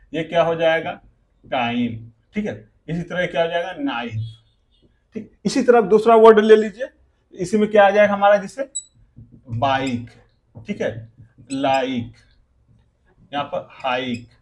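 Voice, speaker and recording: A man teaching an English pronunciation lesson who keeps asking rhetorical questions, answers them himself, and repeats example words slowly. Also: sits high. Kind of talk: classroom grammar lesson.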